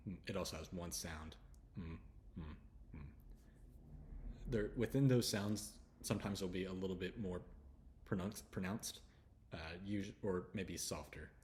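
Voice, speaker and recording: A man from the United States giving a relaxed English pronunciation lesson, repeating each sound slowly with chatty asides. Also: sits low, slight background noise. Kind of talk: slide-based pronunciation lesson.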